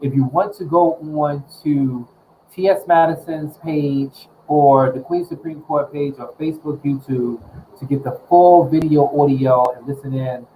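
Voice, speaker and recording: A man's voice: fairly high pitch, unhurried, warm tone, a little hiss or hum, poor audio. Rambling male livestream host. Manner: rambling, filler-heavy. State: talking while eating. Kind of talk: casual livestream recap.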